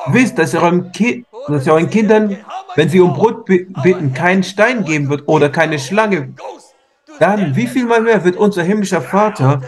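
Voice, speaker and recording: Male sermon interpreter with a high voice, fervent, repetitive delivery with frequent self-corrections. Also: animated, moderate pace. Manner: fervent, repetitive, often restarts words.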